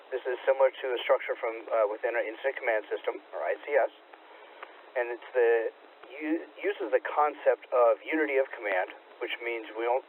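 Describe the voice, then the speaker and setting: A man running a radio training net, giving steady, procedural instructions over an amateur radio transmission with static. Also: mid-range voice. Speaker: net control operator. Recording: tinny radio receiver, faint static.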